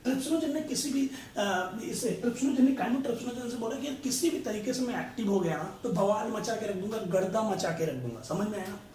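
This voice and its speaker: Brief: high-voiced male tutor, playful analogies, echoey room. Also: animated, brisk, hardly any pauses, darkish tone, far from the mic. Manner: asks the class checking questions, tells playful analogies. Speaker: biology tutor. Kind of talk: casual classroom explanation with stories. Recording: echoey room from off mic, faint noise.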